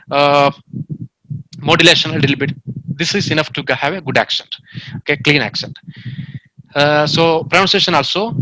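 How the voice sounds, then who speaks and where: A man's voice: a little high, sharp tone, poor audio. A man tutoring an online English exam class, explaining by example with many fillers and restarts, heard over a video call. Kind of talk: online demo class lesson.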